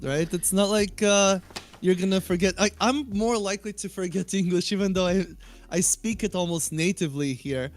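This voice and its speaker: A man with a high voice chats loosely on a livestream, joking and poking fun at himself as he talks. He speaks as a guest in easy conversation. Faint music runs underneath. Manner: chatty and joking, self-deprecating. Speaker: game coaching streamer, guest. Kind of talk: casual chat on a livestream.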